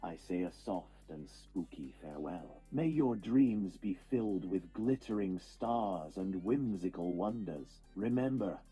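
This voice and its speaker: A man's synthetic voice playing a gentle, whimsical ghost-cat AI toy with an English accent, speaking in flowery, poetic lines. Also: deep voice, animated, unhurried, hardly any pauses, breathy edge, faint music behind, heavily acted, poor audio. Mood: whimsical farewell. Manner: flowery, poetic, reads out its own actions.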